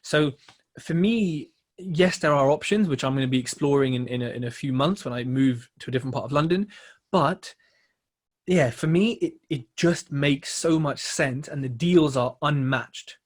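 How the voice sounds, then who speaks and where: A man with an average-pitched voice lays out his reasoning in a measured, step-by-step way. His podcast chat is relaxed and full of fillers. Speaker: podcast co-host, property investor.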